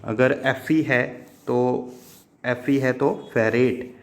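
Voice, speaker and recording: Slow and steady in a mid-range voice, the man walks his class through chemistry with patient repetition. He poses questions, answers them himself, and affectionately refers to the students as children.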